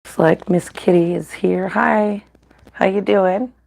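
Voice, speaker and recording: A woman's voice: medium pitch, steady tone, slow pace, gravelly, a little mellow. A woman hosting a casual live-stream at home, cooking and eating at a griddle, reading viewer comments aloud and often dropping to a whisper. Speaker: live-stream mukbang host. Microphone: computer mic.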